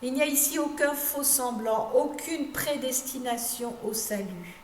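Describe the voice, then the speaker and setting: Woman pastor, slow meditative sermon, rather high voice, echoey room recording. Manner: measured, emphatic on key phrases, voice dropping at sentence ends. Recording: echoey room with faint background noise.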